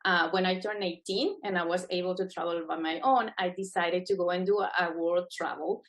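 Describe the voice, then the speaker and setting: She's a middle-aged native Spanish speaker from Venezuela, a guest speaker and adjudicating panel member offering earnest, encouraging webinar remarks, prepared but semi-spontaneous. Her lowish, steady voice is a bit bright and brisk.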